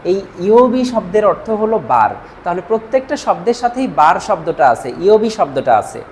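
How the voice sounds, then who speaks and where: A man who teaches a Japanese language lesson. He stops often with "ah" and says the Japanese words slowly and louder, then repeats them. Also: sits high, sing-song, a little hiss or hum.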